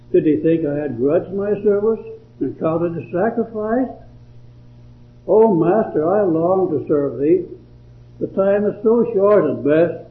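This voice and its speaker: A man preaching a sermon and reciting a devotional poem in a slow, deliberate, measured way. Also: high-pitched. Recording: tinny phone-like old recording.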